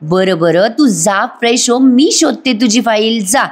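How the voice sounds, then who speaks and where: A woman voicing a scheming young woman who fakes tears, speaking in a whiny, self-pitying voice pitched above her own. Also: measured pace. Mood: evasive.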